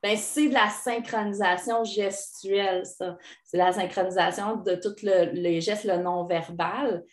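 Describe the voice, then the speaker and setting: A woman with a Québécois French accent, co-hosting a relaxed advice podcast. She talks in a casual, animated way and acts out quoted replies with a lift in her voice. The recording sounds echoey, as if the room is a bit hollow. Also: medium pitch, unhurried. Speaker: podcast co-host.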